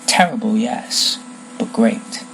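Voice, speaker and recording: A man voicing an intense, eerie old male wandmaker in a storybook reading, with a soft, hushed, lilting voice. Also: medium pitch, very animated, slow pace, vocal fry, slight background noise, exaggerated voice, poor audio. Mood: ominous.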